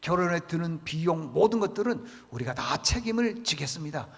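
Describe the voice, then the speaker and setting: A man's voice: a little high, lively intonation, brisk, vocal fry. Polite pleading chieftain father, man doing the voice, churchy reverb.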